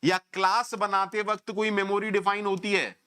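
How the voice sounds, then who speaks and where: A man's voice: sits high, little pitch movement, moderate pace, sharp tone, clean tone. A man giving an online programming lecture, scolding and sarcastic with his students. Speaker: programming teacher.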